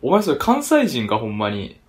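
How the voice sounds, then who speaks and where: A man's voice: medium pitch, huge pitch swings, moderate pace, crowd noise. A man with a Kansai accent, a podcast co-host, who nods along and drops dry, teasing remarks in casual chat.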